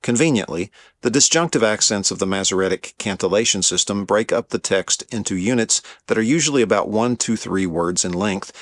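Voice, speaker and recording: A man teaching about the biblical languages in a measured, explanatory lecture, with the odd filler as he works through a point. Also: lowish voice.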